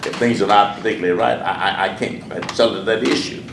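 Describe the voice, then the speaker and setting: An older pastor from Sheffield, Alabama, speaks with a Southern American accent in a fairly low, creaky voice, fast and with fairly even intonation. He earnestly recalls his life in an oral history interview, often repeating his words. The recording is noisy, with an echoey room and a distant mic.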